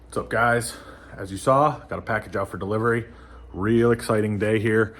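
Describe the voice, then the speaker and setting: A man casually talking through motorcycle work in his garage, relaxed and rambling with many ums. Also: on the low side, moderate pace, a little hiss or hum. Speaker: motorcycle vlogger. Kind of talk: casual how-to narration.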